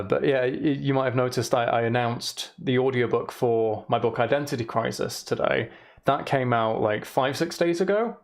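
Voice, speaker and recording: A young man with a gravelly edge chats and rambles cheerfully on a livestream. His voice rings back off the bare walls of an emptied room, caught by a desk microphone. He sits at a middling pitch. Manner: chatty, rambling, self-deprecating. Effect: echoey sound of an emptied room. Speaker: streamer. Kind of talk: casual livestream chat. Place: emptied room in a house, indoors. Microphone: desk microphone on a shelf.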